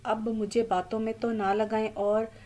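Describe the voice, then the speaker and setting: A woman reading as a bubbly, teasing young girl in an audio novel, chattering away with playful drama. The voice is mellow and warm. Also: a little high, little pitch movement, unhurried.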